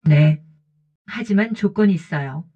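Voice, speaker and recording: A woman's voice: mid-range voice, expressive, a little slow, mellow, husky. A woman voicing a cautious, lonely woman in her late fifties who talks in short, plain sentences, on a dull lo-fi recording. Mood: firm. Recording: dull lo-fi audio.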